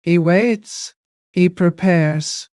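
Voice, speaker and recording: An older woman narrating a first-person story in a slow, hushed, reflective way. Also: lowish voice, dry recording, studio quality.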